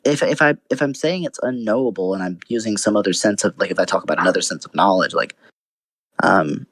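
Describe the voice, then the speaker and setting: Low-voiced man hesitantly thinking aloud. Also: a little fast, fairly bright tone, no echo. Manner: hesitant, thinks aloud with many restarts and fillers. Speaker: debater. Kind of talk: casual philosophical debate over voice chat.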